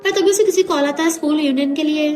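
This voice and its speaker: Woman, very high voice, quick recap narration, soft music underneath. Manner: brisk, chatty retelling that switches between scenes. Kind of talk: quick storytelling recap of a drama.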